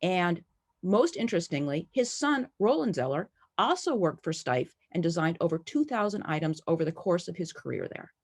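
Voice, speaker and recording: A woman from the United States talks warmly and with enthusiasm, walking through a prepared presentation as if to a friendly audience. Her voice sits a bit low and has a husky edge. She speaks to a camera from home, with light playful asides. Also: very animated, normal speed. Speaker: collector presenting a talk. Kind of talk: prepared presentation over slides.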